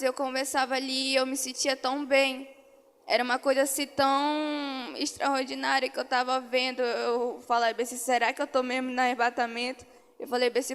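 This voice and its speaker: A woman with a Brazilian accent giving a religious testimony, retelling a vision in slow, repeated quoted phrases. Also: on the high side, clean tone. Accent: Brazilian Portuguese. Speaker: church member giving testimony. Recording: long hall reverb.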